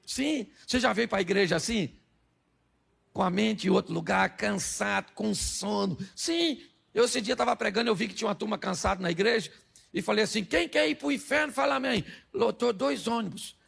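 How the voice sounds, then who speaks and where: A man's voice: high-pitched, moderate pace, a bit bright. A Brazilian man preaching a humorous sermon as a pastor, acting out dialogue and asking the congregation to answer yes or no. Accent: Brazilian Portuguese. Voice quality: gravelly, husky. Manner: jokey storytelling, acts out dialogue, asks the crowd "sim ou não?".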